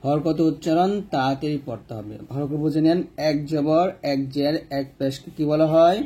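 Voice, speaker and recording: Husky, mellow-voiced man teaching recitation. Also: on the high side. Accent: Bangladeshi Bengali. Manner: repeats rules and drills letters slowly, asks questions to the viewer. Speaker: Quran reading teacher. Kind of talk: step-by-step recitation lesson.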